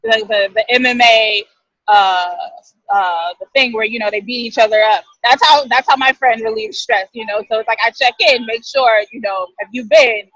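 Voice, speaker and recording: A woman's voice: fairly high pitch, moderate pace, fairly bright tone, dry recording, rough recording. A woman in her thirties talking as an interview guest, chatty and thoughtful, often correcting herself mid-sentence. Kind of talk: casual interview talk.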